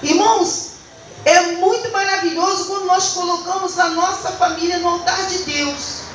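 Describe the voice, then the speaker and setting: Fervent high-voiced woman preaching, echoey hall. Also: steady tone, normal speed, fairly bright tone, a little hiss or hum. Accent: Brazilian Portuguese. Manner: fervent, peppers speech with praise phrases. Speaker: deaconess. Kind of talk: church testimony sermon. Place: church hall. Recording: very echoey church hall, mic far off.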